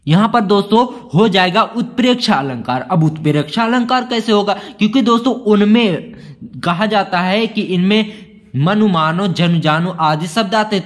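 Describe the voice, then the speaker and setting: High-voiced Hindi exam tutor, man. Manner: addresses viewers as friends, repeats "theek hai" often; reads verse lines slowly and drawn out. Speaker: teacher. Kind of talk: exam-prep lesson walkthrough.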